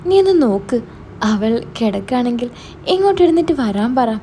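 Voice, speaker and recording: A flustered middle-aged mother, played by a woman storyteller fumbles for excuses and hurries her words out. Her voice sits a little high but mellow and warm-toned, with faint background noise. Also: very animated, moderate pace. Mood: flustered evasive.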